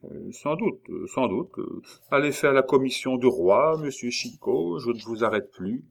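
A man's voice: mid-range voice, animated, measured pace, vocal fry, pitched above the performer's own voice. A man voicing a cautious, deferential male provost in an audiobook. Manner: hesitant, deferential. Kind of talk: audiobook character reading.

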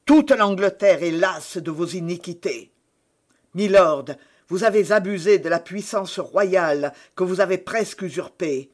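A man voicing a fervent young male zealot who grows loud and accusing as he speaks. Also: sits high, animated, a little slow. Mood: vehement. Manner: intense, rising to loud declamation.

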